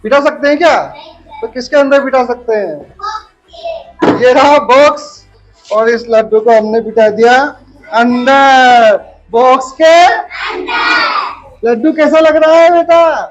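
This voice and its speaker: High-pitched lady teacher quizzing little kids, dull lo-fi sound. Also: soft background music. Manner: slow, drawn-out teacherly calls and questions to the class. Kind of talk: classroom grammar lesson for children.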